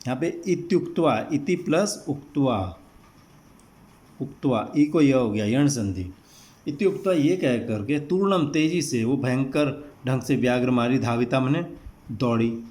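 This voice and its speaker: A man's voice: medium pitch, lively intonation, a little mellow. Man explaining a textbook word by word. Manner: glosses each word slowly, repeating meanings. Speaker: Sanskrit teacher.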